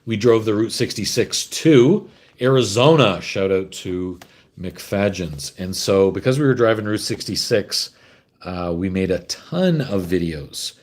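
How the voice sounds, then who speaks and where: A man's voice: fairly low pitch, lively intonation, unhurried. A man from Canada hosting a casual livestream, chatting in a rambling way while fumbling with his camera gear. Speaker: host.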